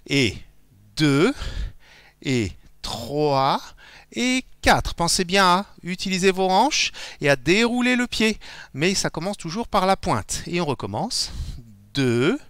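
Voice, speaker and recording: A man's voice: on the high side, fairly bright tone, dry recording. A man teaching a live online dance class, counting beats aloud while he demonstrates and explains the steps in a friendly way.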